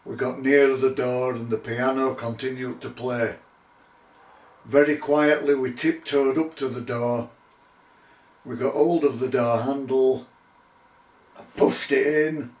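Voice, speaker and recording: Slow-talking man, echoey room. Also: mid-range voice, fairly even intonation, a little mellow. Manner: measured, deliberate, with pauses. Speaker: paranormal investigator telling his story. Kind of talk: unscripted spoken storytelling. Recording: roomy echo, distant microphone.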